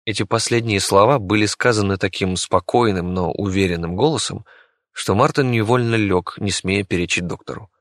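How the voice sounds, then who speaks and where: Low-voiced male audiobook narrator. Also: normal speed, a bit bright, no room sound, clean studio sound.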